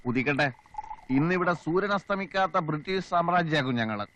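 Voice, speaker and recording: An actor playing a cocky petty thief who answers with boastful, teasing retorts, in a slapstick film comedy. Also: male voice, on the high side, animated, brisk, a bit bright, slight background noise, low-quality recording.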